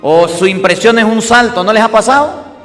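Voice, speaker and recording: A man's voice: sits high, normal speed, fairly bright tone. A priest giving a sermon, asking his listeners questions and answering them himself. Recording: music and long hall reverb.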